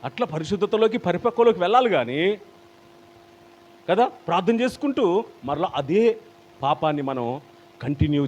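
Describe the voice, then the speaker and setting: A male pastor with a Telugu accent preaching a sermon in an animated, dramatic way, acting out the people in his stories. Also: fairly high pitch, slight background noise. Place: church hall, live stream.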